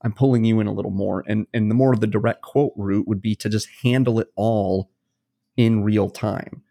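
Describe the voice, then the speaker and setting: A man's voice: lowish voice, fairly even intonation, moderate pace, vocal fry, mellow. A man co-hosting a podcast as a game master, explaining his ideas at length in a casual, long-winded way with plenty of worked examples. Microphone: podcast studio mic.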